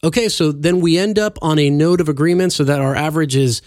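A man co-hosting a podcast in casual debate, asking questions and steering the talk in a measured way. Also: fairly high pitch, a little mellow, no echo, clean studio sound. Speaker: podcast co-host.

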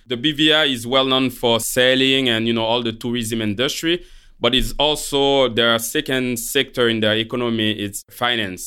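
On the low side yet bright, his voice carries a forceful, clean tone. The speaker is a Haitian portfolio manager and podcast co-host, natively speaking Creole and French with a Haitian French accent, who explains his career conversationally during an interview.

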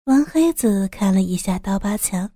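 Calm woman narrating a crime story. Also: medium pitch, normal speed, dry recording, studio quality.

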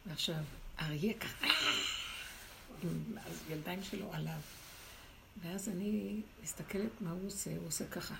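Middle-aged lady teacher giving a religious class, gravelly voice, pushes and scolds her students, lots of noise in the room. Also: lowish voice, dark tone. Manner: emphatic, exhorting, scolds and challenges listeners. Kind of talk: spiritual class with questions from listeners. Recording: noisy room recording.

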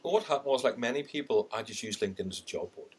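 Speaking rapid-fire in a medium-pitched, slightly rough voice, a middle-aged Irish man shares his story as a podcast guest. He's a sales and LinkedIn trainer who animatedly performs his thoughts from back then, with laughing asides and candor.

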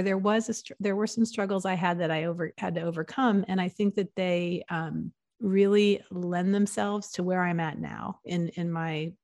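Her voice low, creaky and darkish, a nonprofit consultant from the US East Coast, in her forties, guests on a podcast interview. She comes across earnest and upbeat, with frequent restarts. The recording is dry and clean, studio quality.

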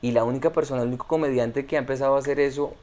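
Host, man, mid pitch, measured and thoughtful, thinks aloud in a casual chat. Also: steady tone, a little mellow. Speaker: podcast host and comedian.

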